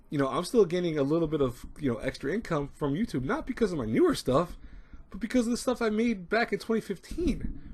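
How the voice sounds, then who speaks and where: A man of thirty talks quickly and casually into a desk webcam, stumbling over his words and circling back with fillers. His pitch sits mid-range, and a faint hum of ambience with people talking nearby fills the small room behind him. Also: darkish tone. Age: 30s. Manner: rambling, repeats words, frequent fillers. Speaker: anime review channel host. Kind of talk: casual talk to camera. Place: small home room with shelves, indoors.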